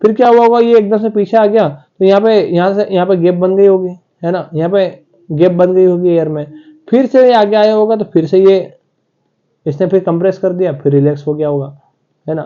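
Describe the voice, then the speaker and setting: This high, warm voice belongs to a man teaching physics, speaking a little fast on audio with the highs cut off. He lectures straight to his students, frequently voicing their questions for them.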